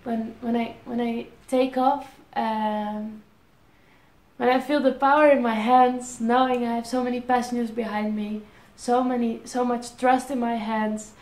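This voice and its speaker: In this casual Q&A vlog, a twenty-something airline pilot from the Netherlands with a Dutch accent reads viewer questions aloud and answers loosely, full of ums and restarts. Her fairly high, slightly mellow voice is delivered flat and unhurried, and the room sounds spacious.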